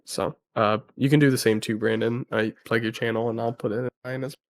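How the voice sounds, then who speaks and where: A sick man with a nasal voice, talking low and quiet in a casual movie review chat, halting with fillers. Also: fairly even intonation, no echo. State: sick, congested.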